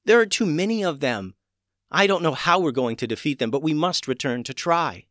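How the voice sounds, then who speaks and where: A man's voice: a little high, expressive, normal speed, a bit bright, no room sound, studio quality, voice pushed up. A man doing an urgent young mermaid. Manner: urgent, earnest.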